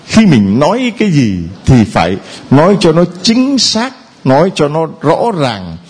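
Preacher: middle-aged man, animated sermon, pitch rising and falling a lot, slightly high voice. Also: unhurried, slightly rough. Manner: lively, animated preaching with sung snatches and mimicked voices. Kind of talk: sermon at a retreat.

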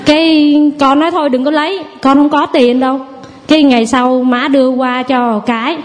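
Speaking at a normal speed in a high-pitched, steady voice, a woman in her thirties stands up from the audience to give her testimony. She's a mother, a little nervous, and she chats through her story while acting out her relatives' words.

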